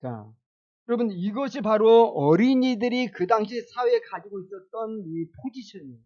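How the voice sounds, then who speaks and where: High-voiced pastor preaching conversationally. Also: male voice, lively intonation, normal speed, warm tone, lo-fi sound. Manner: conversational preaching with rhetorical questions and chuckles. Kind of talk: sermon.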